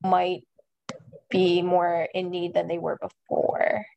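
A woman's voice: fairly low pitch, flat delivery, takes it slowly, gravelly, a little mellow, no room sound, lo-fi sound. A woman interviewer asking questions in a casual, hesitant way, with many "like" fillers.

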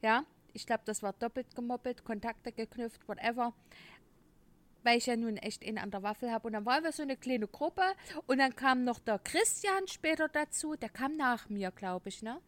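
Higher-pitched woman in casual banter. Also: moderate pace. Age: 30s. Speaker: podcast co-host.

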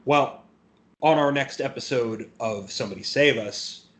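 A man's voice: medium pitch, unhurried, fairly bright tone. A man co-hosting a casual podcast, stammering and trailing off as he talks. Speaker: podcast co-host.

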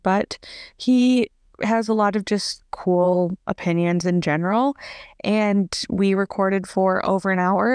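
A woman's voice: mid-range voice, a little mellow, smooth, no echo, studio quality. A woman hosting a podcast, talking in a chatty, loose way with fillers and restarts. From United States. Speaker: podcast host. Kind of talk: casual podcast interview.

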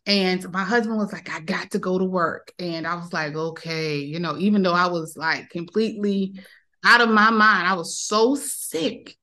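A woman's voice: on the low side, fairly even intonation, moderate pace, pushed and bright. A woman in her thirties, a podcast guest, telling a personal story in casual talk and acting out the voices of the people in it. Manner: emotional retelling, acts out quoted voices.

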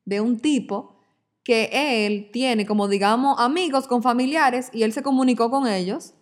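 Speaking at a normal speed in a slightly high voice, this podcast co-host chats casually. She brings her stories to life with animation and performs the quoted voices herself.

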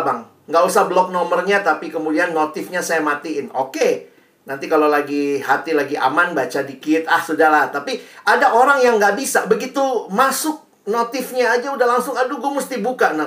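Lively man speaking from far off. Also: a little high. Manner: lively, slips English phrases into his talk. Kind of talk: speaking to a group. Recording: echoey, mic far away.

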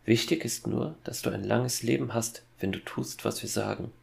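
A man voicing a calm, cold young boy who quietly threatens his father in a horror fairy-tale audiobook. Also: mid-range voice, normal speed, vocal fry, pitched above the performer's own voice. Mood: cold menacing.

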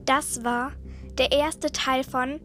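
A woman narrating a children's story in a calm, steady storytelling manner. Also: high voice, takes it slowly, faint music behind.

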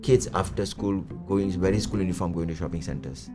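Singaporean male, low register, opinionated casual talker, music bed of guitar. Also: fairly quick. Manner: colloquial, opinionated, uses Singlish particles. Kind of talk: casual chat. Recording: music playing under the voice.

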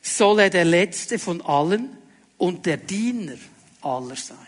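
A male pastor preaching a sermon, asking the congregation rhetorical questions and dropping to quiet tones for emphasis. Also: high voice, animated, slow.

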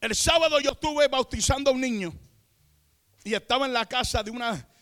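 A Puerto Rican pastor preaching with fervor, his voice sitting unusually high for a man. He scatters amén and aleluya between phrases, has the congregation repeat his words, and climbs into shouts at the peaks. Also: a little fast, faint music behind. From Puerto Rico. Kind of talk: sermon.

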